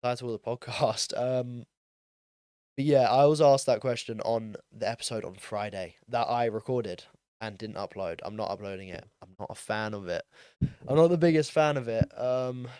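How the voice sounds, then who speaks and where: Rambling young man, smooth dry voice. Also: medium pitch, normal speed, a little mellow, no echo. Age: young adult, turning twenty. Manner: rambling, self-deprecating, many ums and likes. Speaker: podcast host. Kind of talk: casual solo monologue.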